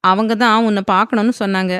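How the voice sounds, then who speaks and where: A woman's voice: medium pitch, steady tone, quick pace, a bit bright, clear, resonant tone, dry recording, studio quality, close to an everyday voice. A woman voicing a cheerful household helper who coaxes the heroine affectionately. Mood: coaxing.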